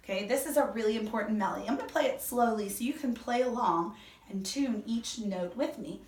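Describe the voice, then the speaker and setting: A brisk, slightly high-voiced orchestra teacher runs a violin lesson, counting beats aloud and explaining step by step, with background noise present. An echoey room, a distant mic and violin playing round out the recording.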